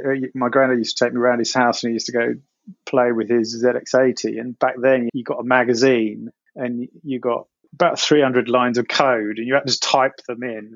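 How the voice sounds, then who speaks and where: A man's voice: medium pitch, dry recording. Middle-aged Essex man, dry slightly dull recording. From Essex, England. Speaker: interview guest, game industry producer. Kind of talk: casual personal recollection.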